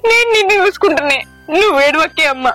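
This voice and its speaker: Tearful grown daughter played by a young woman, Telangana accent, very high pitched; village drama. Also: lively intonation, fast talker, sharp tone, soft background music, full character voice. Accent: Telangana Telugu. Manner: tearful, emotional pleading. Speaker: actor. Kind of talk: village short-film acting.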